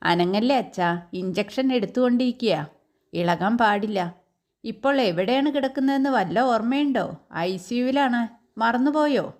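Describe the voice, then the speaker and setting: A kind young nurse in a storybook reading, soothing a patient with coaxing words and a lifted, lighter voice, as a woman puts her on. She stays gently firm throughout, patient but not giving way. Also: on the high side, animated, normal speed, voice pushed up, lightly acted.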